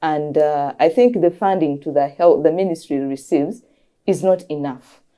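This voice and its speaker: A woman's voice: deep voice, normal speed, dark tone. A woman, a doctor, explaining earnestly as a guest in an interview and repeating key phrases for emphasis. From Uganda.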